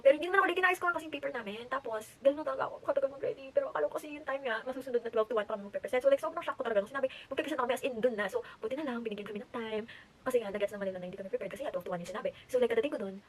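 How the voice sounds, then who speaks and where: A woman's voice: a little high, very fast, husky, rough recording. A young woman, chatting animatedly at home as she tells a story for her vlog. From Philippines. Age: late teens. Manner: chatty, animated, mixes English into Tagalog. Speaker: vlogger.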